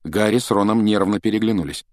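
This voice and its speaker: Low-voiced male audiobook narrator. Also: quick pace, no room sound, studio quality. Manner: dramatic storytelling, voices characters. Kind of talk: expressive audiobook reading.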